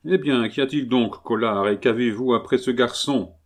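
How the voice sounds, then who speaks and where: A man voicing a calm, unflappable older count who speaks in dry, unhurried remarks. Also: mid-range voice, natural voice. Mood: wry.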